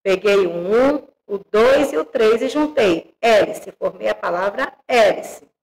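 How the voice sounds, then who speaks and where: A Brazilian woman teaching young children, spelling out syllables slowly and checking in with the class. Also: mid-range voice, animated, creaky, a little mellow, low-quality recording. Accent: Brazilian Portuguese. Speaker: primary school teacher.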